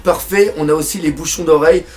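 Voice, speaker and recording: Excitable high-voiced French man. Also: quick pace, faint music behind. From France. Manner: excitable, swears often, reads panels aloud. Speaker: manga reaction streamer. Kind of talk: live reaction commentary.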